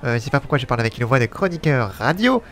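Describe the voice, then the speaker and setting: A man's voice: medium pitch, very animated, racing, a bit bright, slight background noise. A man playing a journalist in a tabletop game with a mock radio-announcer delivery. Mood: announcerly. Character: radio-voiced period journalist, adult man. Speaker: player. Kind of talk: tabletop role-play in character.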